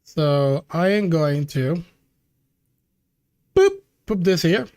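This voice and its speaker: A young man with a notably high voice streams live and talks casually to his viewers, loose and chatty. The sound is dry and close, with no room around it. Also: expressive, very slow, a little mellow, clean tone, no room sound. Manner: chatty, loose, calls the audience "dude" and "chat".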